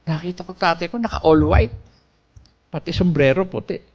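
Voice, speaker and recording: A man's voice: on the high side, expressive, normal speed, darkish tone, highs cut off. A man telling his personal faith testimony in an earnest storytelling manner, speaking politely and mixing in English phrases.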